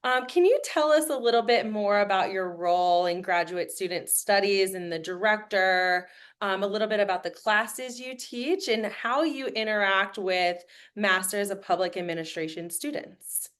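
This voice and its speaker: A woman's voice: mid-range voice, moderate pace, a bit bright. A woman moderating an online info session, upbeat and eager as she introduces panelists and asks questions. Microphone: video call.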